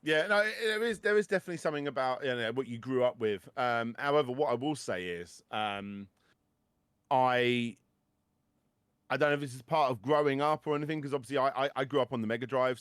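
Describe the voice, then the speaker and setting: A British man in casual podcast chat, recorded close and dry with no room sound. He talks eagerly, tripping over and repeating his words as he warms to a point. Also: mid-range voice, fairly quick, clean tone, no echo. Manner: enthusiastic, stammers and repeats words. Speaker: podcast host.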